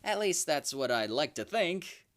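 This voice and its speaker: A speaker presenting a countdown in a horror-host manner, with theatrically spooky asides and dramatic pauses. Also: medium pitch, sing-song. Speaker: host of a top-ten creature countdown video. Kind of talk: spoken countdown commentary, semi-improvised.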